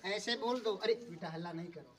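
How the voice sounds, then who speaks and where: A man performing as a street magician and snake showman, loudly coaxing the onlookers, giving orders and calling for claps. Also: high-pitched, a little fast. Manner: loud, coaxing showman who keeps ordering the crowd to clap. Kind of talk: street show patter. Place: village street, outdoors. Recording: far from the mic, loud crowd around. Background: loud crowd of onlookers.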